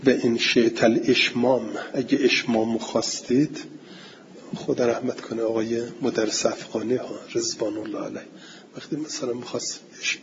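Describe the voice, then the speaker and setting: Man lecturing in a classroom. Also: mid-range voice. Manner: explains slowly, reciting Arabic text then glossing it. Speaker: teacher of Arabic grammar. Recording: dull lo-fi recording with faint hiss.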